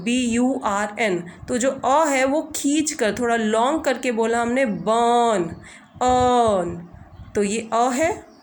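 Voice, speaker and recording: Slow patient woman teaching vowels. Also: on the high side, a little hiss or hum. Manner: slow, patient, drawn-out demonstration of vowel sounds. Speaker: English phonetics teacher. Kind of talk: slow explanatory lesson over a screen recording.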